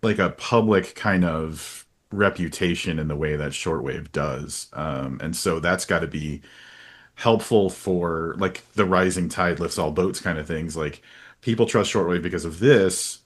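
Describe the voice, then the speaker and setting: A man with a low, husky voice hosts a podcast, speaking a little slowly while interviewing a publisher in a casual book talk. He comes across as earnest, rambling, and emphatic.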